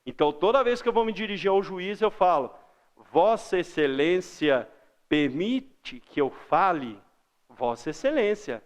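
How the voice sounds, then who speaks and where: High-voiced Brazilian man teaching grammar. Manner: explains patiently, with everyday examples and rhetorical questions. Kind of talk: classroom grammar lesson for children.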